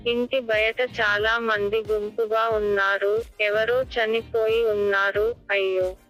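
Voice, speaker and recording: Female narrator, monotone delivery, steady scripted storytelling over faint music. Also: a little high, low-quality recording.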